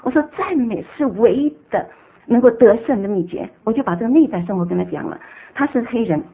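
A woman telling the story of her faith testimony to a church group, animated and emotional. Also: a little high, brisk, breathy edge. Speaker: church member giving a testimony. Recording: tinny phone-like sound.

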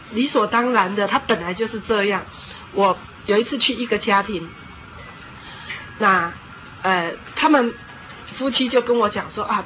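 A woman preacher giving a sermon, telling stories in an animated way and often pausing on a filler word. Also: a little high. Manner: animated storytelling with frequent filler "hao". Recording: dull lo-fi with faint noise.

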